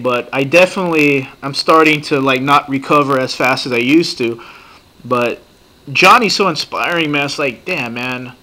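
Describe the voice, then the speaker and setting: Bright-voiced, profane man in his thirties. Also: on the high side. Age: 30s. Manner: profane, excitable, rambling. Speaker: vlogger reacting to a TV series. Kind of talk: casual reaction commentary.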